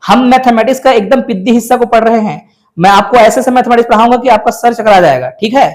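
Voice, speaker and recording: A man's voice: very high voice, fast talker. Man teaching a math class. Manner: coaxing, questions students often. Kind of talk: classroom lecture.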